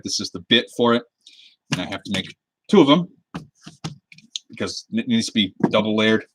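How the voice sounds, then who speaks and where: This twenty-something cosplay prop maker from the Pacific Northwest of the US chats casually on a live stream as he works, rambling in a relaxed way. His mid-range voice is fairly bright, and the webcam mic at his lamp-lit home desk captures it with no echo.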